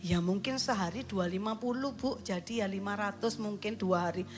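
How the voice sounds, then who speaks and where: A woman's voice: mid-range voice, moderate pace, close to an everyday voice. Woman playing a polite hospital nurse. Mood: matter-of-fact.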